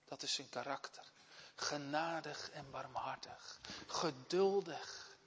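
Earnest preacher in echoing church. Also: male voice, on the high side, slow pace, breathy edge. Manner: earnest, swelling to loud impassioned appeals. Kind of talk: sermon. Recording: long church reverb.

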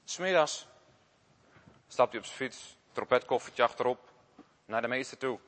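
A man narrating a Christmas story in an expressive, conversational way. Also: medium pitch, normal speed. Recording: long hall reverb.

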